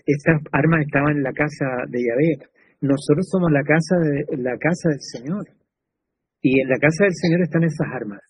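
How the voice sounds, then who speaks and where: A man's voice: a little high, darkish tone, husky, dry recording, low-quality recording. A man with a Chilean Spanish accent preaching a sermon in a conversational way, with fillers and tag questions.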